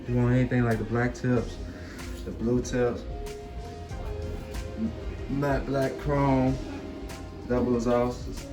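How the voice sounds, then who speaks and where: A man's voice: medium pitch, flat delivery, takes it slowly, pauses often. A man in a face mask chatting casually to his viewers in a laid-back, slangy way, as a car vlogger. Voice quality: slightly muffled by a face mask. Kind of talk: casual vlog chat. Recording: loud music behind handheld vlog audio.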